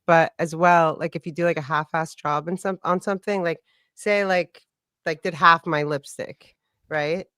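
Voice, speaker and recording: A young woman from the Washington DC area, a guest on a podcast, chatting casually and animatedly with quick asides. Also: low voice, fairly even intonation, fairly bright tone, no echo, studio quality.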